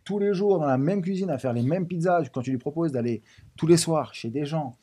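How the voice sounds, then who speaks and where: Man, guest in studio, husky and mellow, lively talker. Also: a little high, a little fast. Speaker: pizza business founder, guest. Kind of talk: casual studio interview.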